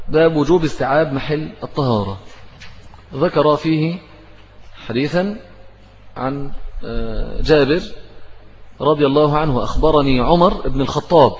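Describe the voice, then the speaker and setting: A man's voice: fairly high pitch, moderate pace, pauses often, slight background noise. Egyptian male religious teacher, lesson delivery, muffled recording with long hall reverb. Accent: Egyptian Arabic. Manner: asks and answers his own questions. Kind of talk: religious lesson explaining hadith.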